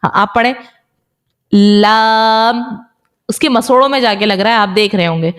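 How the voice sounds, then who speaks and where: A woman with a Pakistani Urdu accent, patiently explaining letter sounds in an online recitation lesson and repeating them slowly for practice. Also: medium pitch, expressive, a bit bright. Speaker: Quran recitation teacher.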